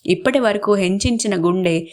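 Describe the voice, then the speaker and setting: A woman's voice: mid-range voice, moderate pace. A woman telling a short story, narrating it aloud and acting out the family members' lines in quotes.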